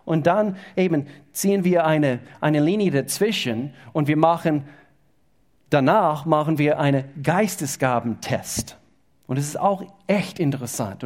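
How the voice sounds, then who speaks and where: A male pastor preaching a sermon in a halting way, often repeating words as he goes. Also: on the high side, darkish tone. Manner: halting, repeats words, informal slightly unidiomatic German.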